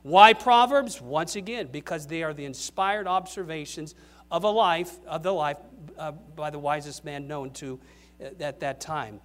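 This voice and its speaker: Older man preaching, high voice, emphatic rises and soft drops, grandfatherly pulpit style. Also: measured pace. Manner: emphatic, rising on key questions then dropping low. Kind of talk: sermon.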